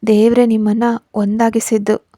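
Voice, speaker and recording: Gentle caring young man, voiced by a woman, consoling, mellow tone, storybook. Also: fairly high pitch, little pitch movement, moderate pace, dry recording, studio quality, close to an everyday voice. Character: caring young brother-in-law.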